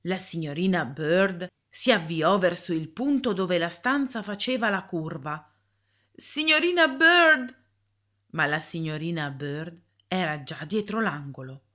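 A woman reading a story aloud in a calm, measured way. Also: lowish voice. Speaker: narrator.

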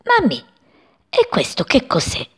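A woman voicing an excited little male sparrow chick who asks eager, breathless questions. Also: sits high, unhurried, breathy edge, in a whisper, voice pushed up, full character voice.

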